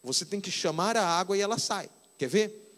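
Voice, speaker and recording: Brazilian guy putting on a playful dad voice, coaxing, a bit high, echoey hall. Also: lively intonation, normal speed, a bit bright. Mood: teasing. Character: teasing young father at a washbasin.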